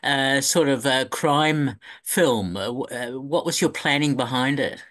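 Older interviewer, bright tone, hesitant delivery, webcam. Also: male voice, medium pitch. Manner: hesitant, halting questions. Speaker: interviewer, host. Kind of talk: casual interview on a video call. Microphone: video call webcam.

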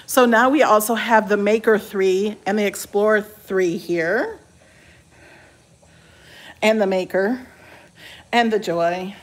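Speaking slowly and pausing often in a mid-range voice, a woman chats informally while giving a house tour through a small home's rooms before heading to the porch and driveway. Someone behind the camera films on a handheld phone, making for a noisy recording on the move.

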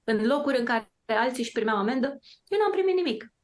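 Talk show guest: woman from Romania, brightish pitch, emphatic and sure of herself. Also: expressive. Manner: emphatic, self-assured storytelling. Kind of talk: casual talk-show discussion.

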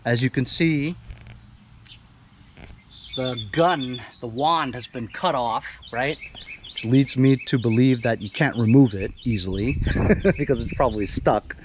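Slightly slow and pausing often, this medium-pitched man in his 50s is a small engine repair vlogger. He rambles through casual chat full of fillers while fixing machines in a driveway and backyard, recorded on an action camera against a noisy background.

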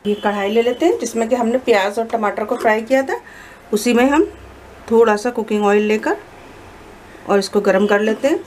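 Calm woman talking through a recipe. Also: on the high side, a little hiss or hum. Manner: calm, instructive, measured. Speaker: cooking channel host. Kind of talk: step-by-step recipe voice-over. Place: home kitchen.

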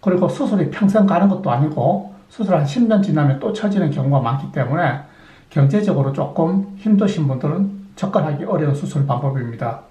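A man's voice: fairly high pitch, expressive, a little fast, mellow, reverberant, low-quality recording. A middle-aged man, a plastic surgeon, explaining surgical methods step by step, asking questions and answering them himself. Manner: methodical, poses and answers his own questions. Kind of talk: explanatory clinic talk.

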